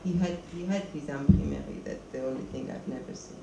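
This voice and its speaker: Very deep and fairly quick, this middle-aged woman's voice belongs to a documentary filmmaker in a stage Q&A interview. She sits on the stage of a screening hall with a handheld mic, frequently pausing to search for English words, and the distant mic records an echoey, noisy hall.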